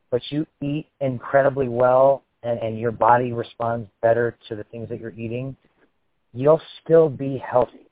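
A man's voice: medium pitch, dry recording. A man hosting a casual chat, talking bluntly and animatedly with frequent swearing. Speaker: podcast host. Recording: tinny phone-like line, dry.

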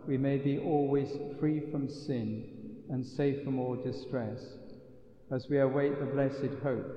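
Priest chanting under a cathedral echo. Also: male voice, medium pitch, mellow. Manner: slow, measured chanting of prayers. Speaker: priest celebrating Mass. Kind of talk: sung and spoken liturgy. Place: large church. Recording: muffled, echoey church recording with faint music.

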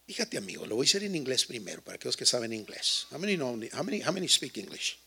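Joking bilingual pastor with a gravelly voice. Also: male voice, medium pitch, very animated, fast, sharp tone. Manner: joking, teasing the congregation, switching between Spanish and English. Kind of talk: lively bilingual sermon.

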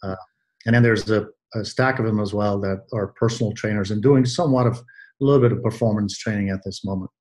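A man in his sixties from Belgium speaks with a somewhat low voice. He answers questions in a measured way, pausing with fillers and restarting phrases as he recalls his career. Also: fairly even intonation, darkish tone. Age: 60s. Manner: measured, many hesitations and restarts. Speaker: guest, athletic trainer. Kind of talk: interview answers.

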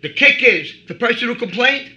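A man's voice: very high voice, expressive, moderate pace, sharp tone, muffled recording. A man, a band member guest, chatting casually and interjecting often. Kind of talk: casual chat.

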